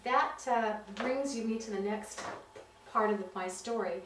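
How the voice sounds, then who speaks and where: Woman telling her story on camera, earnest and halting, echoey room, mic kinda far off. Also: on the high side. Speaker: witness giving filmed testimony. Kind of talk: personal testimony. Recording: roomy, distant mic with faint hiss.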